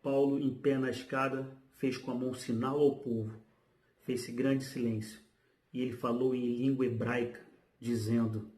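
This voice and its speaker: A man preaching a sermon, reading Bible passages aloud and then explaining them in relaxed, everyday speech. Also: mid-range voice, unhurried. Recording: roomy, echoey.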